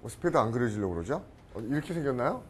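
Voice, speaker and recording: A middle-aged man lecturing on English idioms in Korean. He keeps asking the class questions, answers them himself, and often clears his throat. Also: medium pitch, big pitch swings, rapid-fire, a little hiss or hum. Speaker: professor teaching English idioms.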